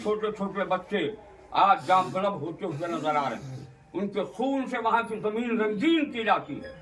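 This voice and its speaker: A man delivers a fiery sermon to a gathering, his high, bright voice climbing into impassioned shouts. He sounds set back from the microphone, with the space around him audible. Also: recorded from a distance, a little hiss or hum. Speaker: religious orator. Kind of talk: fiery public speech.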